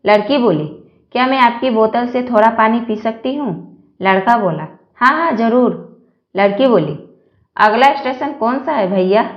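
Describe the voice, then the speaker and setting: A woman reading a series of short jokes aloud, telling them slowly and evenly with the quoted lines. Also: on the high side, echoey room, lo-fi sound. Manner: slow, even joke telling with quoted lines. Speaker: joke narrator.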